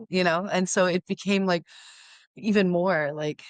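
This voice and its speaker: A woman speaking as a guest therapist on a talk show, reflective and halting, restarting her sentences as she works through her thoughts. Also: on the low side, fairly even intonation, no echo. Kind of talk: casual chat.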